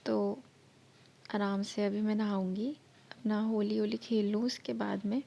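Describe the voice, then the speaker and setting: A woman's voice: medium pitch, level tone, unhurried, gravelly, dark tone, muffled recording. Chatty woman with a slightly sore throat. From India. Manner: chatty, explains each step. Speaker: vlogger. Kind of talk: cooking vlog voice-over.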